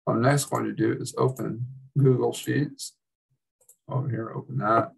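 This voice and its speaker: A man giving a casual, chatty screen-recorded software tutorial as an instructor, with wry asides. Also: medium pitch, flat delivery, moderate pace, gravelly, slightly rough, far from the mic, poor audio.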